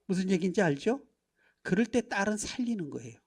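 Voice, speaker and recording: Animated middle-aged man preaching to a congregation. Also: sits high, fairly quick. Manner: animated, acts out dialogues, constant rhetorical check-ins; swings from hushed asides to loud bursts. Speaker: pastor. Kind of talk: lively church seminar talk. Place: church sanctuary.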